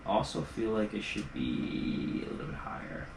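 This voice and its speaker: A man's voice: lowish voice, very animated, normal speed, creaky. Laid-back male producer thinking aloud. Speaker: music producer. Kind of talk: casual studio walkthrough. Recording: roomy sound with music playing. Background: music tracks playing.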